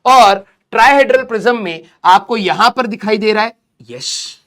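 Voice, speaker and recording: A young man gives a recorded physics lecture in Hindi, mixing in English phrases, while nursing a sore throat. He talks slowly, repeats key terms, and asks questions he answers himself; his voice sits high and sounds a bit bright.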